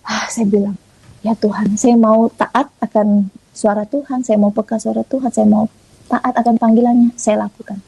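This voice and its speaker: Woman from Indonesia, interview guest giving a testimony, lively storyteller, husky and mellow, dry recording. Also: a little high, moderate pace, dry recording, low-quality recording. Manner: animated storyteller, acting out quoted dialogue. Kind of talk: conversational testimony. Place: online audio room.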